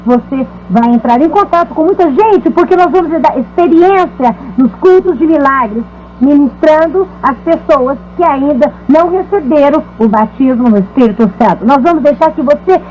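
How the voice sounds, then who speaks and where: A woman preacher teaching a congregation in a dubbed talk, lively and animated, sometimes chanting repeated words to demonstrate. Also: sits high. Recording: dull lo-fi recording with faint hum.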